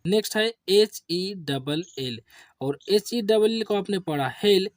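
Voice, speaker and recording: Male teacher for a kids' spelling lesson, slow and patient, quizzes and then drops low on each answer, dry close sound. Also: animated, no echo. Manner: addresses viewers as children. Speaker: English teacher.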